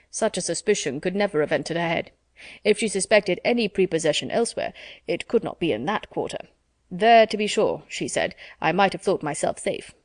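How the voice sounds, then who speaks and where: A woman voicing a pompous, self-satisfied middle-aged gentleman in a storybook reading, measured and formal. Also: lowish voice, no room sound, studio quality, natural voice.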